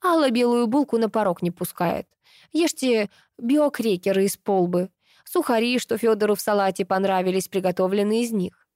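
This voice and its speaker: A woman reading an audiobook, voicing a grumpy, sharp-tongued female housekeeper with a creaky, blunt, scolding manner. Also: mid-range voice, moderate pace, dry recording, studio quality, natural voice. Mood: curt.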